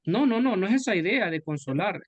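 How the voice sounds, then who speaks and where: A man's voice: sits high, expressive, a little fast, no room sound. A man, a pastor, leading a Bible study discussion in a conversational way and asking the group questions.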